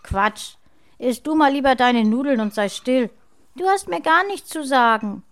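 A woman's voice: a little high, a little slow, clear, resonant tone, voice pushed up, natural voice. A woman voicing a slight young schoolboy who acts secretive and important, in a raised boyish voice. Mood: defensive.

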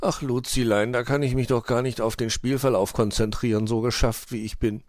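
A man's voice: medium pitch, fairly even intonation, brisk, a little mellow, no echo, studio quality, lightly acted. A man voicing a grumpy, smug male gnome who grumbles and gloats. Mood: weary. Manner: grumbling, then smugly content.

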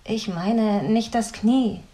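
A woman's voice: mid-range voice, slow, dark tone, natural voice. Woman playing a sulky, fretful young man. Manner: sulky, grumbling.

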